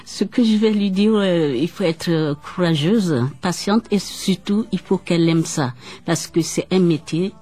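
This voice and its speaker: Husky woman guest on radio. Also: lowish voice, unhurried, mellow. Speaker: studio guest artist. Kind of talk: casual interview remarks.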